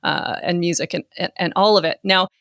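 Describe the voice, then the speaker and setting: A woman's voice: on the low side, fairly even intonation, fairly quick, a bit bright, no echo, studio quality. A woman podcast host from Southern Alberta, enthusiastic and laughing often as she interviews a guest. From Southern Alberta, Canada. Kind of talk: casual interview chat.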